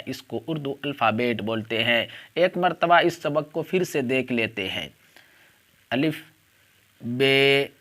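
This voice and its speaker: Man calmly teaching the Urdu alphabet. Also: medium pitch. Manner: slow, careful, repeating letters aloud for learners. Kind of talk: online alphabet lesson.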